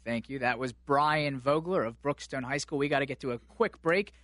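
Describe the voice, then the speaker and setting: A man's voice: medium pitch, normal speed, fairly bright tone, dry recording. A man hosting a sports radio interview from a studio.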